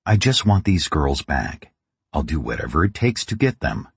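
A man voicing a hard, terse fixer who speaks in a cold, flat voice. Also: a bass voice, moderate pace, gravelly, husky, no room sound, full character voice.

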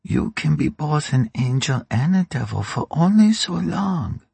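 A dry, raspy old crime matriarch, as a male reader puts her on, sly and mocking as she bargains. Her voice is husky and gravelly, raised well above the reader's own, and slow and drawn out. It is recorded close and dry. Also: on the high side, sing-song, a little mellow, no echo, voice pushed up, heavily acted. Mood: probing. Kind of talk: audiobook character reading.

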